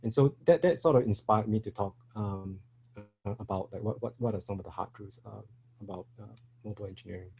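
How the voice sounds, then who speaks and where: At a developer meetup, a middle-aged speaker from Singapore delivers a conference talk in Singaporean English, his fairly low voice creaky and darkish with a breathy edge. He talks a little fast but hesitantly, stumbling through fillers and restarts.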